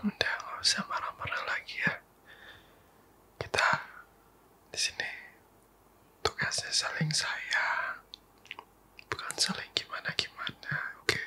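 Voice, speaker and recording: Whispering softly and intimately, a man plays a comforting boyfriend in an ASMR roleplay, coaxing and teasing with quiet laughs. He speaks slowly, pausing often, and drops stray English words into his casual talk.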